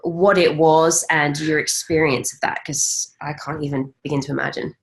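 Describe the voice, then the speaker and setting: A woman with an English accent hosting a casual live-stream interview, chatty and quick to laugh. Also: sits low, fairly even intonation. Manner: chatty, laughs often, warm reactions. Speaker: host.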